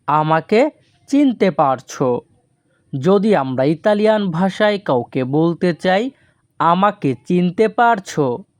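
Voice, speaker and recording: Slow, careful language teacher voice. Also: mid-range voice, very animated, dry recording. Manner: says foreign phrases very slowly, word by word; repeats each phrase, then breaks it down. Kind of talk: scripted language lesson.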